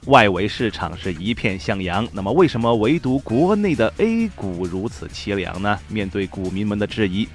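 一位带四川口音的男主持人，用口语化、调侃式的新闻播报腔讲幽默时事评论。. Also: male voice, on the low side. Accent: Sichuan. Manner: colloquial, joking, mock-newscaster delivery. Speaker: host of a comic news show. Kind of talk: humorous news commentary in Sichuan dialect.

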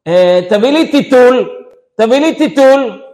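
A man voicing an exhausted, short-tempered young mother who shouts commands at her husband. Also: expressive. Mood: shrill nagging. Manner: shrill, nagging, shouting commands.

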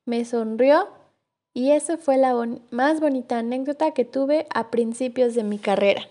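A woman reads a teacher's anecdote aloud in a gentle, measured way. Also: fairly high pitch.

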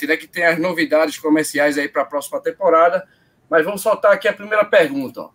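A man's voice: high-pitched, fairly bright tone. A man with a Brazilian Portuguese accent hosting a casual live show, addressing people in chummy slang. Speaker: host of a running live stream.

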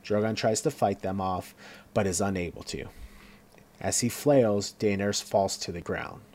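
A man's voice: fairly low pitch, moderate pace, a little mellow, slight background noise. A man giving a casual scene-by-scene recap of a TV episode, reading along with fillers and stumbles. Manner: reads along with fillers and self-corrections.

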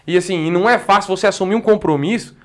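A man with a São Paulo interior Brazilian accent, a guest chatting casually and laughing often about narrating football. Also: high voice. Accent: Brazilian Portuguese, São Paulo interior. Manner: fast, animated, laughs often. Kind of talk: casual podcast chat.

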